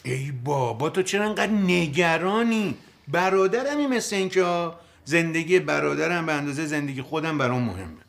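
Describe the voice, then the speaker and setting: An actor playing a carefree, teasing brother in a sitcom, nonchalant in manner. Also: male voice, a little high, animated, gravelly, fairly bright tone.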